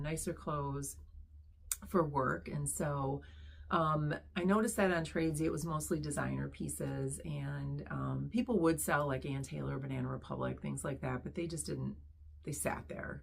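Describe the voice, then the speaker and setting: Woman, middle-aged, low voice, hoarse and gravelly, casual vlog chat, relaxed with ums. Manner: chatty, relaxed, many ums and pauses. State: hoarse, recovering lost voice. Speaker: online reseller, channel host.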